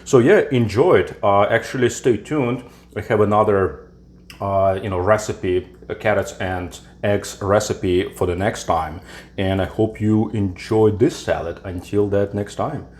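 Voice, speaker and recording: Low-voiced man hosting a cooking show. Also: a little hiss or hum. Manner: relaxed, halting explanations with fillers. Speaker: cooking channel host. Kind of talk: home cooking tutorial. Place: home kitchen.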